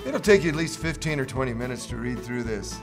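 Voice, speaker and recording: A man's voice: medium pitch, animated, quick pace, lightly acted. A man playing a pushy, shady used-car salesman doing a blustering hard sell in a comic ad. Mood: pushy, slick. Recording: music playing behind.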